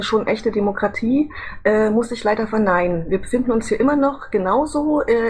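A woman's voice: mid-range voice, a little mellow, breathy edge. A woman on a discussion panel, answering in a hesitant way with many fillers and academic wording. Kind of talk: spontaneous debate answer.

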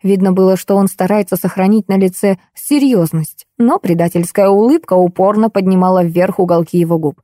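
Brief: woman audiobook narrator, mellow and warm tone, lively ironic telling, dry close recording. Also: medium pitch, a little fast, few pauses, dry recording. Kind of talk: first-person audiobook narration.

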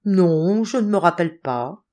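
A woman's voice: lowish voice, expressive, measured pace, dark tone. A woman reading the part of a forgetful old male clerk who speaks in a plaintive way.

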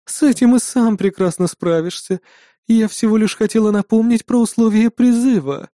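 A domineering, sly demoness from an audiobook, voiced by a man, drawling her words slowly with mocking authority. The voice sits a little higher and sounds mellow, recorded dry and close. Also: dry recording, close to an everyday voice. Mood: teasing. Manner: imperious, mocking, slow drawl. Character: commanding sly female demoness. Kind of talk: audiobook narration.

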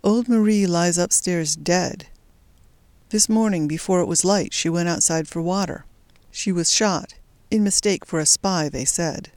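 A reader voicing an anxious young Belgian woman who speaks in a low, hesitant voice in an audiobook story. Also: lively intonation, moderate pace, a little mellow, dry recording, natural voice. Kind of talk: audiobook character voice.

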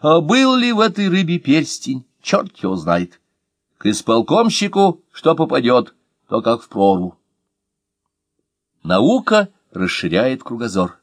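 A man reading humorous short stories aloud in an expressive, ironic way. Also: mid-range voice, a little slow, no echo, clean studio sound. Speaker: reader.

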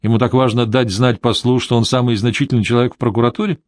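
Чтец-мужчина, ровная подача, аудиокнига, студийный звук. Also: male voice, mid-range voice, fairly even intonation, fast talker, no room sound, studio quality. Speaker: audiobook narrator. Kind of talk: scripted narration.

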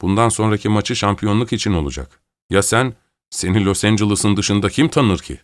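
A man's voice: fairly low pitch, moderate pace, no echo, lightly acted. A man voicing a bossy male fight promoter who talks in a blunt, coaxing way.

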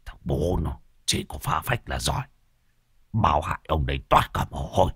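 A man voicing a village teacher who curses rapidly. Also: very deep voice, very animated, a bit bright, slightly rough, no echo, clean studio sound, voice pushed down, exaggerated voice. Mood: cursing. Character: cursing rural teacher fleeing in fright.

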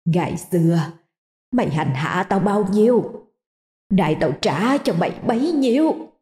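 A woman's voice: mid-range voice, lively intonation, measured pace, mellow, roomy sound, in a large hall, natural voice. Woman voicing a whispering vengeful female ghost. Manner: faint, wheezing whisper. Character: vengeful burned female ghost, starving and bitter.

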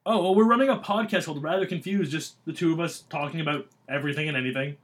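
A man's voice: on the high side, fast talker. A young man co-hosting a podcast, teasing strangers in loose, joking banter. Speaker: podcast co-host. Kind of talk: casual banter.

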